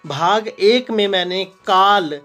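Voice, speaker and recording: A man's voice: sits high, slow, bright, forceful tone, faint music behind. A man teaching a grammar lesson, asking and answering his own questions and repeating the example sentences with emphasis.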